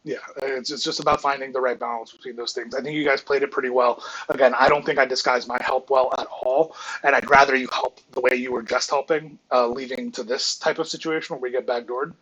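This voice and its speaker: This clip is another casual live-stream film breakdown, with a man rambling analytically through his team's game footage, restarting frequently and saying his voice is going. He speaks a little fast with hardly any pauses, in a steady, mid-range, fairly bright and slightly rough voice, and the recording is rough.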